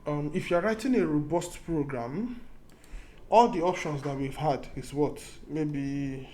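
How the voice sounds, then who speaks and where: Slightly high and mellow, his voice moves at a measured pace. The speaker is a man tutoring programming in a relaxed screen recording, reasoning aloud while he works and often restarting to hammer home the key ideas again.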